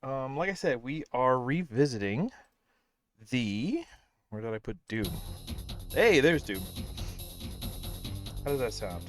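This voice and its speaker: A man's voice: medium pitch, big pitch swings, slow, pauses often, faint music behind. A tired man hosting a casual game stream from home, rambling with lots of fillers and sounding a bit out of breath. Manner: rambling, self-deprecating, many fillers. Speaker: streamer host. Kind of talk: casual livestream chat.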